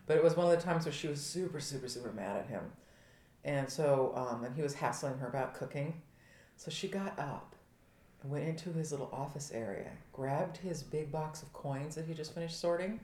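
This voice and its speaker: A middle-aged woman chatting casually as a podcast co-host, telling personal stories in an earnest, halting, self-deprecating way. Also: deep voice, a little mellow. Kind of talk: casual chat. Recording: echoey room.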